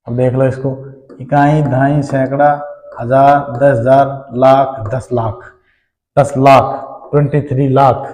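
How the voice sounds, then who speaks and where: A man's voice: medium pitch, little pitch movement, slow pace, a little mellow, big-room sound, low-quality recording. A man with an Indian accent teaching a math lesson, explaining step by step and often checking in with his students.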